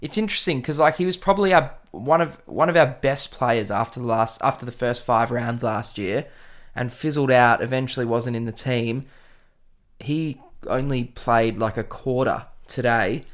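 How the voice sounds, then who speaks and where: A man's voice: mid-range voice, moderate pace. A man with an Australian accent hosting a casual football podcast, speaking in a laid-back, colloquial, blokey way. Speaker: podcast host.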